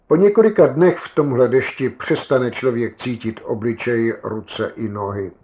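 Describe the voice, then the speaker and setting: A man's voice: mid-range voice, a little mellow, slight background noise, natural voice. A man voicing a weary, grim soldier stranded in endless rain, speaking bluntly and with bitter resignation. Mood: hard, resigned.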